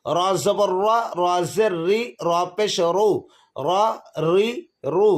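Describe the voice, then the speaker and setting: High-voiced man reciting a slow lesson. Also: a little mellow. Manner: slow, drawn-out recitation of letter drills. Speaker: Quran reading teacher.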